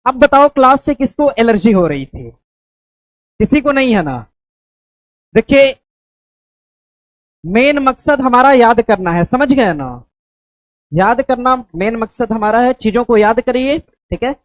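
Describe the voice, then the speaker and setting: Coaching teacher, woman, brisk quiz review with lots of check-ins; slightly high pitch, dry sound. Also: lively intonation, no echo, poor audio. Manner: quizzing students, frequent check-ins.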